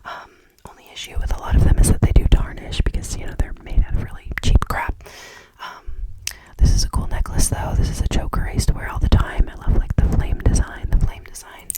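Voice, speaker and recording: An ASMR creator speaks entirely in a fast whisper. The delivery is a casual, chatty ramble that keeps catching on words and repeating them in quick runs. It feels informal and unscripted. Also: poor audio.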